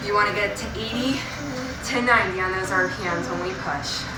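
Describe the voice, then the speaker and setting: A woman's voice: medium pitch, fairly quick, heavy background noise. A woman leading an indoor cycling class as instructor, giving short motivational cues and instructions. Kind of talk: fitness class coaching with countdowns and cues. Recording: roomy, distant mic under loud music. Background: loud workout music.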